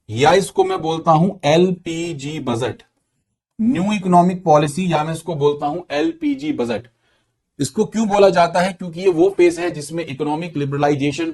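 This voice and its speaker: Male teacher, fairly high voice; drills key points, quizzes the class. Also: gravelly, darkish tone. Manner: repeats points and quizzes students; mixes English terms into Hindi. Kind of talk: exam-prep lecture.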